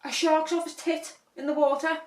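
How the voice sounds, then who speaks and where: Podcast co-host, woman, animated and giggly; slightly high voice, mic at a distance. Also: moderate pace. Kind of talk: casual chat. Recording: roomy, from a distance.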